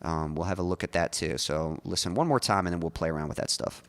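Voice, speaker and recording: Man, fairly low voice, casual livestream chat, rambling with fillers, close studio mic, long reverb. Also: fast, a bit bright. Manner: loose and chatty, full of likes and ums. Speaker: streamer and songwriter. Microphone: studio mic in front of his mouth.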